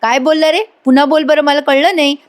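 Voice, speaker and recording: Woman reading out a bossy young guy, needling his friend, kinda high voice. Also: fairly even intonation, fast, lightly acted. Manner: pushy, needling.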